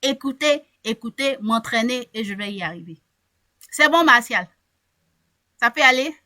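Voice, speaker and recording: A woman coaching a group on a video call, lively and encouraging, often repeating words as she thinks. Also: on the high side, moderate pace. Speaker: English coach. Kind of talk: online group coaching session.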